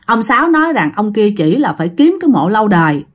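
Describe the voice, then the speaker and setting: A woman's voice: medium pitch, sing-song, quick pace. A woman with a Southern Vietnamese accent telling a ghost story in a chatty way, talking to listeners. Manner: chatty, addressing listeners directly. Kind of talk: casual ghost story narration.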